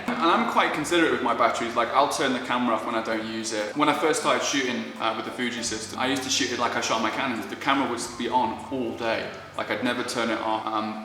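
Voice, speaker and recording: A man's voice: medium pitch, sharp tone. Very echoey man, chatty vlogger. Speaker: wedding photographer presenting his gear. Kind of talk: casual vlog gear talk. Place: hard-walled echoey indoor space. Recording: very echoey, reverberant room, faint music.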